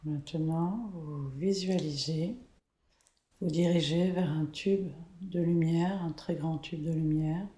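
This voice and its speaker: A woman leading a guided relaxation meditation in a soothing, gentle, unhurried manner. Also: sits low, steady tone, a little hiss or hum. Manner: soothing, slow, gentle spa-like delivery. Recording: echoey, reverberant room.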